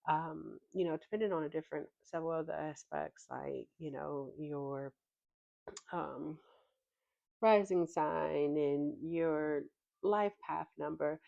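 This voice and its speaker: Woman w a low voice doing a chill tarot reading, lots of ums, kinda muffled lo-fi sound. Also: vocal fry. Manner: thinking aloud, lots of ums, unhurried. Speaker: tarot reader. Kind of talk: casual tarot reading to camera. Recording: slightly dull lo-fi recording.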